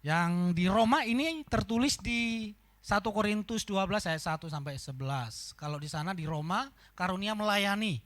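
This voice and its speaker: A male pastor preaching at a church youth service, animated, swinging between loud emphasis and soft conversational asides. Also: sits high, normal speed. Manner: acts out quoted people in conversational voices. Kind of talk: sermon.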